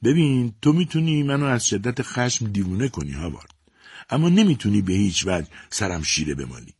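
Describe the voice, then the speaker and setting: A man's voice: medium pitch, wildly swooping pitch, slightly rough, no room sound, voice pushed up. A man voicing a suspicious, scolding mother who mocks and accuses her son. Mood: mocking. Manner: sneering, accusing.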